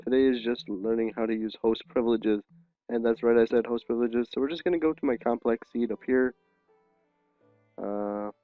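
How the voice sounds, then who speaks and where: A man's voice: medium pitch, clean tone, no room sound. A man giving a casual, informal voice-over tutorial as host of a gaming video. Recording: slightly dull, dry, music underneath.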